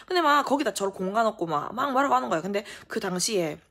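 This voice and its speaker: A young adult woman vlogger telling a story in a casual storytime style, animated and full of fillers. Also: mid-range voice, fast, vocal fry.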